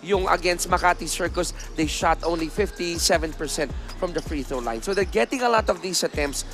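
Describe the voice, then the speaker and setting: A man's voice: a little high, fairly quick, a bit bright, soft background music. A man with a Filipino accent giving conversational, explanatory basketball commentary as an analyst, often adding tag questions. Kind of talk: conversational pre-game commentary mixing Tagalog and English.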